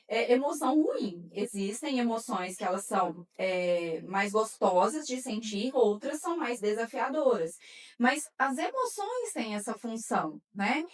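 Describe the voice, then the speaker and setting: This is explanatory podcast talk from a female psychologist with a Brazilian Portuguese accent, who explains patiently using everyday examples and lots of fillers. Her voice is a little high and sounds far from the mic.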